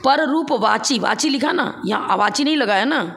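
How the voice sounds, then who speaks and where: A woman gives a scripture lecture in a fairly high, gravelly voice. She works through the text point by point and puts questions back to her listeners. A faint murmur of ambience sits behind her. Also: expressive, moderate pace, a bit bright, slight background noise. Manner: explains step by step, with rhetorical questions. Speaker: scripture teacher.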